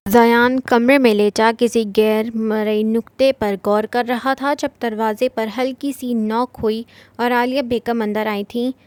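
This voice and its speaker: A woman with a high voice narrates a novel in a brisk storytelling manner. The recording is dry and close, with no room sound. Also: fairly even intonation, a little mellow, no room sound. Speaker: audiobook narrator.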